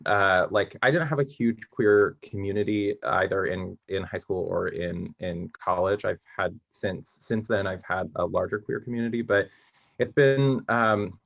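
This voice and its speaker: A man's voice: lowish voice, creaky, a bit bright, muffled recording. A young adult man, a playwright guest in an interview, talking casually and rambling with many fillers. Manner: rambling, filler-heavy, laughs between thoughts.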